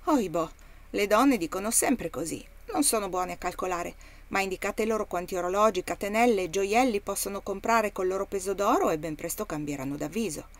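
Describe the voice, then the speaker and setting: A woman's voice: mid-range voice, fairly quick, close to an everyday voice. A woman voicing a blunt, greedy male slave trader in an audiobook reading, coaxing and haggling.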